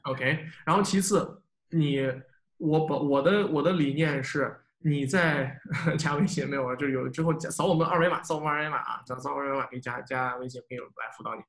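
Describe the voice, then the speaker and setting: A man's voice: mid-range voice, a little fast. A man teaching a speaking-test class, patiently correcting a student's pronunciation by modeling words again and again and switching between Mandarin and English. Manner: patient, repeats phrases, relaxed reassuring tone. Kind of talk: live speaking-class coaching.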